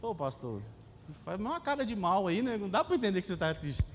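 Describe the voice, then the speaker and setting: A young Brazilian man preaching a sermon as pastor, animated and questioning the congregation. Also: high voice, fast, a little hiss or hum. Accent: Brazilian Portuguese. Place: church hall. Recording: long church hall reverb.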